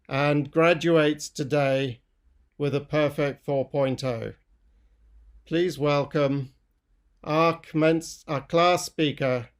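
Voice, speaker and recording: Man mc-ing a graduation, really slow and smooth, kinda high voice. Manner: slow, deliberate, formal. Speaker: ceremony presenter. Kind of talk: formal speaker introduction.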